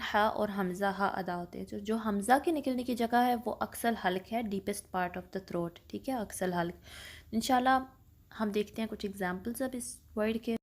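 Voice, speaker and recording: A woman teaching an online Quran pronunciation lesson, explaining step by step and slipping English phrases into Urdu. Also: medium pitch. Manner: slowly draws out example words for practice; careful, apologetic about her Urdu reading.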